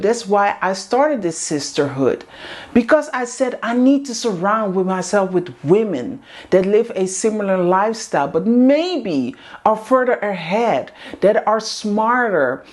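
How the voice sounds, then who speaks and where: In English and straight to camera, a woman whose native tongue is Dutch hosts a women's group, earnestly repeating coaching lines in a motivational talk. Her voice is mid-range and a little mellow.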